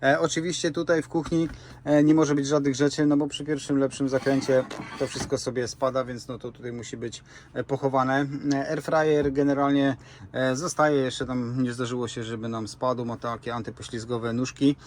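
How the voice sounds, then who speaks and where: A man's voice: mid-range voice, level tone, normal speed, slight background noise. A man casually showing around his camper van at a campsite outdoors, talking loosely with lots of fillers and restarts, recorded on a handheld camera. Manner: chatty, many fillers and restarts. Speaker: vlogger. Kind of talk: casual vlog walkthrough.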